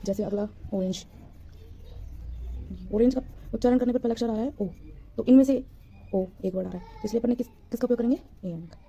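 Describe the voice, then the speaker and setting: A woman's voice: on the high side, fairly even intonation, fast talker, gravelly, mellow, lo-fi sound. Patient Hindi-speaking woman teaching grammar. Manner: patient, repeats points, asks and answers own questions. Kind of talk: grammar lesson.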